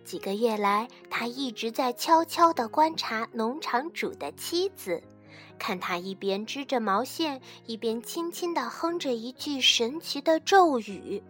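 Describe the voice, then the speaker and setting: Woman telling a bedtime story, high bright voice, slow and sing-song, soft music underneath. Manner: gentle, slow, expressive reading. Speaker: children's bedtime story teacher.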